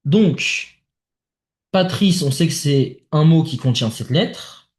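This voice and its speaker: A man with a French accent walks through a math exercise in a casual, think-aloud way, full of small fillers. His voice sits a little high for a man. The sound is roomy and echoey. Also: animated, slow pace, darkish tone. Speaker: math tutor. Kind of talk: worked exercise explanation. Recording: echoey room.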